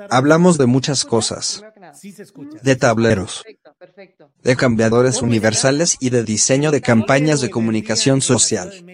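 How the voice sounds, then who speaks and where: A synthetic male text-to-speech voice, reading a scripted first-person diary in a measured, slightly stiff way. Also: medium pitch. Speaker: columnist narrating his weekly diary.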